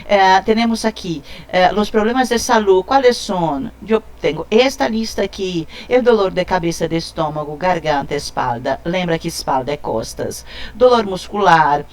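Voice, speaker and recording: A woman's voice: fairly low pitch, animated, moderate pace. A Brazilian woman teaching a recorded Spanish lesson to schoolchildren, moving between Spanish and Portuguese, drawing out vocabulary words and often checking in with the class.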